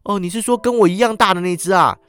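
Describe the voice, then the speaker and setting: A man's voice: high voice, quick pace, a bit bright, clear, resonant tone, no echo, soft background music, voice pushed up. A man doing an eager young street boy.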